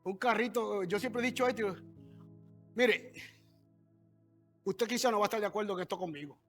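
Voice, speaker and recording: A man preaches a sermon in a church, talking straight to the congregation with asides and quick questions. His voice sits very high and rings bright and forceful. Soft music plays faintly behind him. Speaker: pastor.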